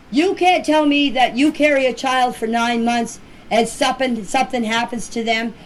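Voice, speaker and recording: A woman in her fifties with a high voice leaves an informal personal phone voice message about a case as a community member, recorded in low quality. She's plainspoken, earnest, and emphatic, repeating herself for stress.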